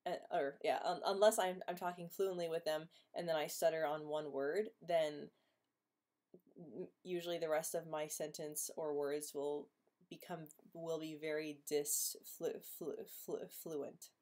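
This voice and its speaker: A woman with a low, level, unhurried voice that's a little mellow hosts a live stream, casually answering viewers' questions as she reads their comments. She stutters often, with repeated sounds and blocks, and laughs a lot.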